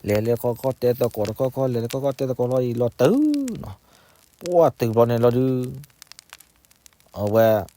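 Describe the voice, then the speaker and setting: A man telling a folk story in an unhurried, conversational way. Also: mid-range voice, fairly even intonation, warm tone, slight background noise.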